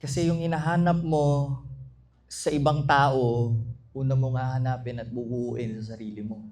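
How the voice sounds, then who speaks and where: A man hosting a live event, teasing the guest in a playful, drawn-out way. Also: medium pitch, steady tone, a little mellow. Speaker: event host. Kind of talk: emcee talk mixing Tagalog and English.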